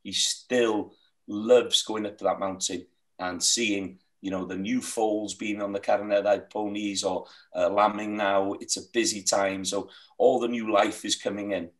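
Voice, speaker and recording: Speaking over a webcam on a video call, this Welsh sheep farmer guest is middle-aged, from Wales, and grew up with Welsh as his first language. He describes his hill farm earnestly and from the heart, rambling and often starting over. His lowish voice is level and measured, picked up from some distance.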